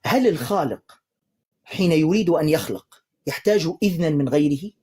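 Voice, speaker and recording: An Islamic preacher debates callers in a live online debate, speaking quickly in a husky, slightly high voice. He stays calm but insistent, repeatedly telling the caller to calm down, and recites scripture slowly.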